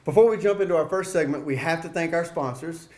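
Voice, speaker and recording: A man's voice: fairly high pitch, quick pace, darkish tone. A man with a Mississippi accent casually co-hosting a live charity event. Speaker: co-host of a charity fundraiser. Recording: roomy echo.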